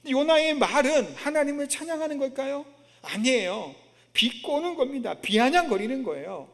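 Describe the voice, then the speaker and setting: Male pastor, high voice, chatty sermon full of rhetorical questions, long church-hall reverb. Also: very animated, normal speed. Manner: conversational preaching with rhetorical questions, acting out an indignant prophet. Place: church sanctuary.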